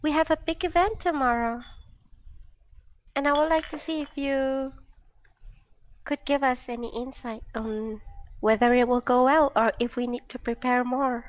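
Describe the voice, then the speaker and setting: Tabletop game heroine, played by a woman: high voice, self-pleased, gushingly polite, muffled recording. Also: steady tone, moderate pace, pauses often, close to an everyday voice. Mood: eager, polite. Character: chatty, self-pleased woman adventurer, eager and theatrical.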